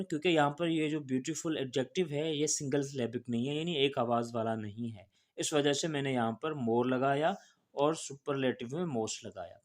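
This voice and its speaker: A man's voice: medium pitch, a little mellow. A man teaching a grammar lesson in a patient, repetitive way, spelling words out letter by letter and often checking in with the listener. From Pakistan.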